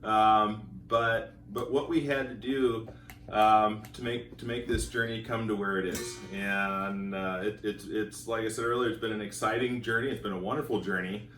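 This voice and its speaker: Sharing his marriage story as a casual testimonial, a middle-aged Montana-born school teacher speaks from his California home with soft music playing behind him. His voice is on the low side, a bit bright, with fairly even intonation, and he halts often, restarting, repeating words and using lots of fillers. The sound is echoey and distant.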